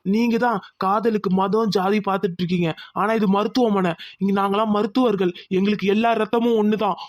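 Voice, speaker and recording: A mid-pitched, firm cartoon voice for a hospital doctor, done by a voice actor. He explains things calmly and lectures the family. The sound is dry and close. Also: dry recording, close to an everyday voice. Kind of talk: Tamil cartoon voice acting.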